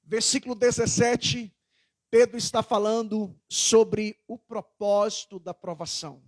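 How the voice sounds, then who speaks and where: A man's voice: sits high, flat delivery, unhurried, dry recording. A man preaching a sermon as pastor, chatty and conversational, with sudden emphatic stresses.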